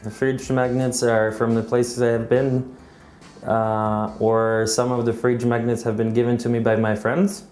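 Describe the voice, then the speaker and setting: A young man from Kyrgyzstan telling his life story calmly in a documentary interview, with some fillers. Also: medium pitch, unhurried, soft background music. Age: young adult. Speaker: advertising account director.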